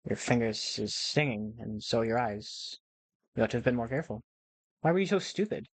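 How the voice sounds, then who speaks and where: Reading a visual novel like a dramatic storybook, this amateur gamer narrates expressively at normal speed, tossing in casual asides along the way. The voice is medium in pitch, and the recording is rough, though without echo.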